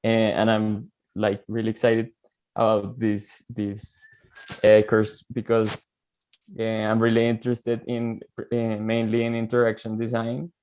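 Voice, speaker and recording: A man's voice: lowish voice, monotone, unhurried, darkish tone, smooth. A man from Colombia, a design student, eagerly introducing himself on a video call. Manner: eager, uses like as filler.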